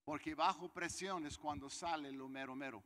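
A man's voice: on the high side, steady tone, moderate pace, bright, forceful tone, in a large hall. A man preaching a sermon, talking conversationally and putting questions to his congregation. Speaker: pastor.

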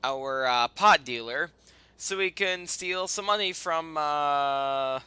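Bright, clear-voiced man doing game commentary. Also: a little high, takes it slowly, no echo. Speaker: gaming video host. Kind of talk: casual let's play commentary.

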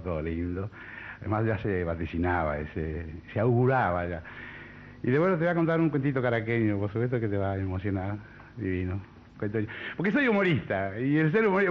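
A man, a comedian telling a chain of jokes in a chatty, animated way on a 1970s TV broadcast. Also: lowish voice, muffled recording, a little hiss or hum. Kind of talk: stand-up joke telling. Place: TV studio.

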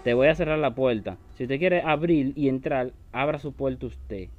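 A man's voice: mid-range voice, normal speed, dull audio, faint music behind. A man commenting on a horror game he is playing, taunting the enemy and shrieking when startled. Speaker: gaming YouTuber.

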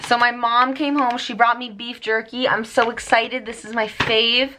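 A woman's voice: a little high, flat delivery, moderate pace, noisy background. Chatty teenage girl vlogging. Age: teens. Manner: chatty, filler-heavy, giggly. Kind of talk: casual vlog chat.

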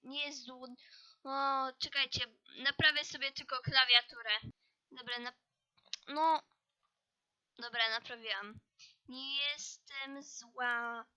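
A woman's voice: high voice, fairly even intonation, measured pace, long pauses, pushed and bright, poor audio. A young woman chatting casually as she plays a chatbot game, reading typed lines aloud in an exasperated, playful way, with keyboard clicks nearby. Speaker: gaming youtuber.

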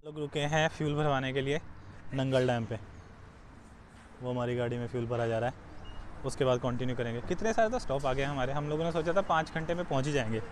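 A man's voice: mid-range voice, quick pace. A man in his thirties, a travel vlogger, chatting casually as he points out sights along the road. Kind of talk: casual travel vlog narration. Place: inside a car and roadside stops. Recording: road and traffic noise behind.

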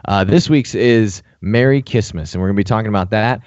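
A man's voice: lowish voice, a little fast, darkish tone, no room sound. Guy cohosting a podcast, lots of uhs, kinda dull dry lo-fi audio. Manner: rambling, many "uh" fillers. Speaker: podcast co-host. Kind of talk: casual chat.

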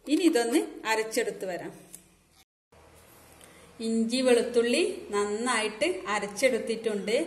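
A woman's voice: a little high, measured pace, pauses often. A woman hosting her cooking channel, explaining a recipe step by step in a friendly way from her home kitchen. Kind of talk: cooking tutorial narration. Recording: echoey kitchen with faint noise.

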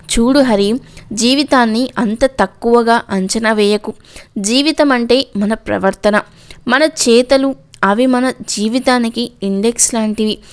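A woman reading the lines of a caring male friend in a firm, consoling, slightly louder way, with a smooth voice. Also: a little high, measured pace, natural voice.

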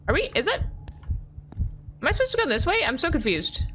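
A young woman commentating her horror game play, jumpy and excitable, often gasping and laughing nervously. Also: high voice, fairly quick, slight background noise. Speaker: gaming YouTuber.

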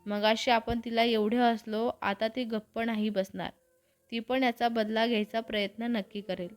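A woman's voice: on the high side, little pitch movement, normal speed, soft background music, close to an everyday voice. A woman voicing a cautious, questioning young man in a storybook reading.

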